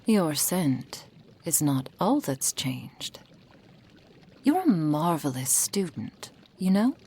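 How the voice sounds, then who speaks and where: Heavily acted and often in a whisper, a woman's low, slightly mellow, breathy voice portrays a doting, possessive kitsune witch. The intimate ASMR roleplay carries a silky, formal manner.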